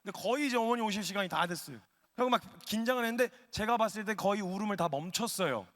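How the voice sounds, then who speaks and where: A male missionary preaching a humorous story-driven sermon, animated and acting out quotes, at a worship gathering. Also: sits high, fast talker. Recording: long hall reverb.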